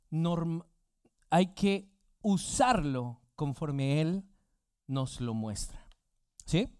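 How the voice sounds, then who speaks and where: A male pastor preaching a sermon and putting rhetorical questions to his congregation. His voice sits fairly high and sounds smooth and resonant. The recording is close and dry. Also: a little mellow, no echo.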